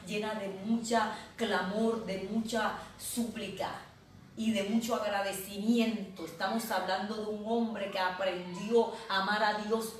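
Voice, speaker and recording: A woman pastor preaching a sermon slowly and earnestly, speaking directly to her listeners. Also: medium pitch, distant mic. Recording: very echoey room, voice from off mic, faint noise.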